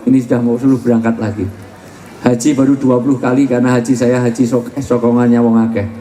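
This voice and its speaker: A man's voice: medium pitch, flat delivery, fast talker, mellow. A middle-aged man who preaches to a live audience, making jokes and punchlines as he goes. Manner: joking, with punchlines and rhymes. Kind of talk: humorous sermon to a live audience. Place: large hall with audience. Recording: echoey hall, faint crowd noise.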